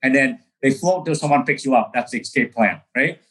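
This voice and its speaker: A man's voice: medium pitch, brisk, fairly bright tone. A man from Vietnam, a real estate broker telling his story in a casual interview, earnest, with many fillers and restarts.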